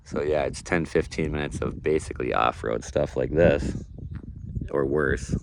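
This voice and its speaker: Outdoors at his off-grid cabin, a young nasal-voiced man rambles casually to camera in a laid-back vlog. His voice rumbles low with vocal fry, his pace is a little slow, and background noise comes through. He fills the talk with fillers and restarts.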